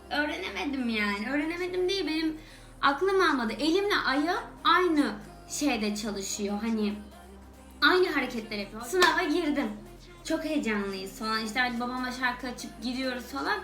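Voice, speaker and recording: A young woman with a high, bright-sounding voice tells a funny personal story straight to camera. She exclaims and laughs as she goes. Her voice rings in an echoey room, with music playing clearly underneath. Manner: animated, exclaiming, laughing between lines. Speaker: vlogger.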